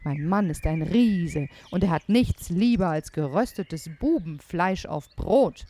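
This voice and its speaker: Woman doing a giant's gruff wife. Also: lowish voice, expressive, a little slow, warm tone. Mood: threatening. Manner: scolding, urgent. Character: giant's huge wife, gruff but kind-hearted.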